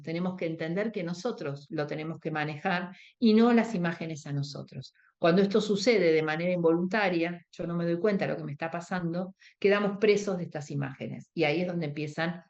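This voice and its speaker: With a fairly low, slightly mellow voice and a Rioplatense Spanish accent, a woman instructs a workshop on emotional first aid. Her explanations go step by step, with acted-out dialogue and requests for the audience's agreement. The recording's highs are cut off.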